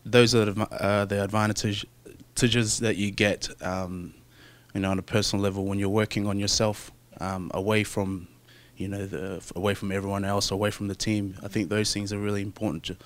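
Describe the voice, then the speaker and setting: A young man with an Australian accent, a rugby player answering interview questions in a soft, hesitant, thoughtful way with many fillers. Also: on the low side, little pitch movement, a little fast.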